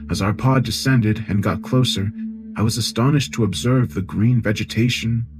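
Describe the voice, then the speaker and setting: A man narrating a science fiction horror story in a measured, grave tone, with music behind. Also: on the low side.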